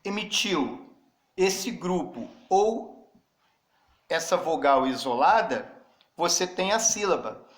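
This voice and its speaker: A male teacher with a fairly high pitch gives a classroom grammar lesson, speaking slowly and deliberately yet animatedly. He spells out letters and addresses students directly, and the room has a noticeable echo.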